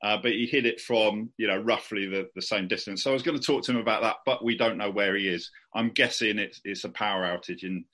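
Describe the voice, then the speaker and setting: A man's voice: lowish voice, brisk, few pauses, pushed and bright. A man hosting a podcast interview in a chatty, casual way. He strings out long, rambling questions with many restarts and fillers. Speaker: podcast host.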